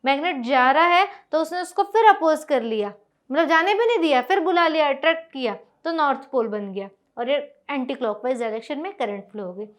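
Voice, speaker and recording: A woman teaching a school science lesson, explaining step by step and often asking whether it is clear. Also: high-pitched, fairly quick. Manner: explains step by step, asks checking questions. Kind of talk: classroom lecture on a whiteboard.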